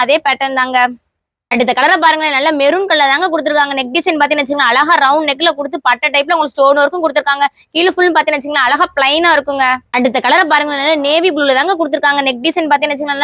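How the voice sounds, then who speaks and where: A woman from Tamil Nadu, with a local accent, showing tops for sale in rapid sales patter full of stock phrases. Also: high voice, bright, forceful tone, no echo, clean studio sound. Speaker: online clothing seller. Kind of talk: product showcase sales talk.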